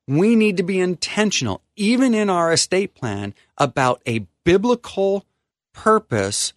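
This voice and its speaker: A man's voice: high voice, sing-song, a little slow, no echo, studio quality. A man, an attorney, earnestly explaining a faith-based view of estate planning in a preacherly way, often stopping to restart with ums. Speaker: attorney guest.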